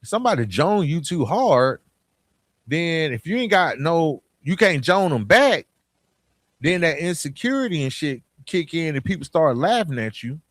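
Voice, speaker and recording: This Atlanta podcast host has a higher-leaning voice with wide pitch swings and a moderate pace, captured dry. His Southern-accented motivational talk is informal and emphatic, repeating lines and asking questions as if chatting.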